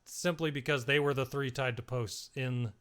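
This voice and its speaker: A man co-hosting a podcast, talking casually and easily with frequent chuckles. His voice is smooth and clear. He sounds relaxed and conversational. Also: medium pitch, moderate pace. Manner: chatty, chuckles often, reacts to chat. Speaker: podcast co-host. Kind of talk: casual chat.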